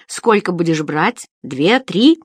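A woman voicing a grovelling yet brutal male baker who hawks his bread loudly and sweetly. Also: fairly low pitch, very animated, slow pace, slightly rough, dry recording, clean studio sound, exaggerated voice. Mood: fawning. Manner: loud, sugary hawker's patter. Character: fawning, bullying adult male baker.

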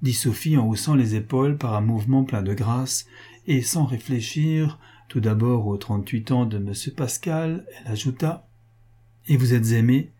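A man narrating a 19th-century novel aloud in a measured way. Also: mid-range voice, mellow. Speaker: audiobook narrator.

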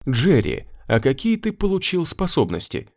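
A man voicing a cool, calculating young woman, lifting his voice and keeping it soft and controlled. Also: fairly high pitch, wildly swooping pitch, normal speed, gravelly, voice pushed up, exaggerated voice. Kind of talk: audiobook character voice.

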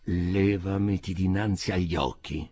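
A man voicing a bitter, surly old craftsman who speaks in a low, gruff, curt voice, in a storybook reading. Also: fairly even intonation, measured pace, dark tone, no echo. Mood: furious. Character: surly, bitter old male coffin-maker.

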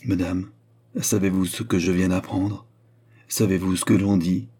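A desperate young nobleman, urgent and jealous, as a man reads him in a low, husky voice. Dark and mellow in tone, audiobook reading. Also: fairly even intonation, a little slow. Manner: urgent, pleading.

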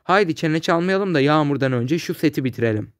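A man reading aloud, voicing a calm, self-assured young man who mocks his rival in a smooth, condescending way. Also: fairly high pitch, fairly quick, no room sound, clean studio sound, lightly acted. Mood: mocking.

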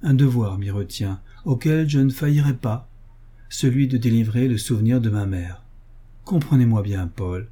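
A man's voice: medium pitch, normal speed, mellow, husky, lightly acted. A man reading aloud a letter from a determined young wife, in an earnest, firm tone. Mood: resolute.

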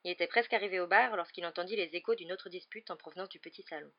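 A woman narrating a novel as an audiobook in a steady storytelling voice. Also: fairly low pitch, rapid-fire. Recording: slightly dull lo-fi recording.

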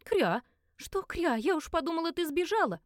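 A woman voicing an excitable young woman who fusses over her pet in a bright tone. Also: extremely high pitch, moderate pace, no room sound, studio quality, pitched above the performer's own voice. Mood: fussing.

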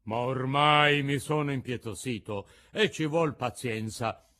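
A man growling as a booming gruff puppet master. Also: a little slow. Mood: blustering gruff. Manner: booming, gruff, sneezing loudly. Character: gruff bearded male puppet master, blustering but softhearted.

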